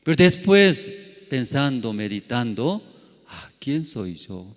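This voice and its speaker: A man preaching a Sunday sermon at a very unhurried pace. His plainly worded, learner-like phrasing swells into loud, emphatic lines and then falls back to near quiet. Long reverb from a church hall trails every phrase. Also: medium pitch, big pitch swings. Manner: simple, non-native Spanish grammar. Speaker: pastor. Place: church service.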